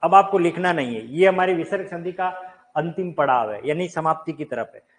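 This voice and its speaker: In a room with a board, a man teaches Hindi grammar live online in a slightly high, expressive voice at a brisk pace. He quizzes his viewers and then answers his own questions, addressing them directly, though the audio is poor.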